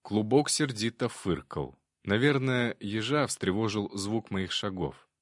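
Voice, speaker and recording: A man reading an audiobook in calm, measured scripted narration. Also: on the low side, no room sound, clean studio sound.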